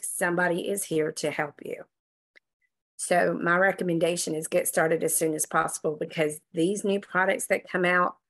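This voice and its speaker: A middle-aged woman telling her success story with effusive enthusiasm on a casual video call. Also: on the low side. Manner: enthusiastic, effusive, animated retelling. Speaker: guest sharing a success story.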